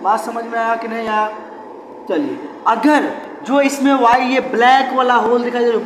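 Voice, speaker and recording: A male teacher explains a science lesson in an easy, conversational way. He keeps putting questions to his class and answering them himself, going over each term again and again. His voice carries a strong room echo with a long tail and a faint hum underneath. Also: very high-pitched. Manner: repetitive and drilling.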